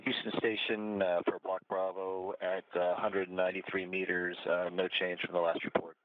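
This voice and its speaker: A man aboard the space station giving clipped, flat procedural reports over a narrow, breaking-up space-to-ground radio link. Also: low-pitched, normal speed, no room sound. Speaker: space station crew member. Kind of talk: terse radio callouts. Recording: tinny, distant radio downlink.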